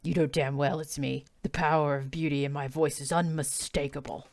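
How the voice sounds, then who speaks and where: An Australian woman voicing a huge gruff male masked killer in a dating game, loud and blustering. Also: deep voice, steady tone, normal speed, no room sound, clean studio sound. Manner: loud, blustering, near shouting.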